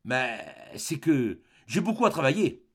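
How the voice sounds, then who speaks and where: A man reading an audiobook, voicing a nervous elder brother who speaks slowly and stammers. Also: medium pitch, vocal fry, pushed and bright, exaggerated voice. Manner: halting, slow, stammering.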